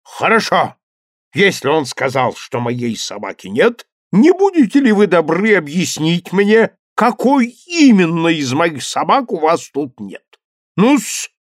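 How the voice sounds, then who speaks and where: This is a domineering old duke from an audiobook, puffing for breath and bellowing at commoners. His outbursts swing wide and climb high, as a man reading aloud puts him on. The sound is close and dry. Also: wildly swooping pitch, slow pace, no room sound, heavily acted. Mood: blustering. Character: blustering old male duke, gruff and domineering.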